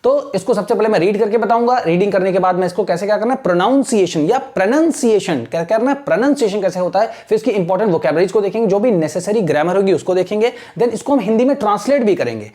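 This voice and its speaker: A man teaching a lecture in Hindi mixed with Indian-accented English, slowing down deliberately on English lines to model pronunciation. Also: sits high, lively intonation, a little mellow. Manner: mixes Hindi and English, repeats "ठीक है ना". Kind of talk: classroom lecture.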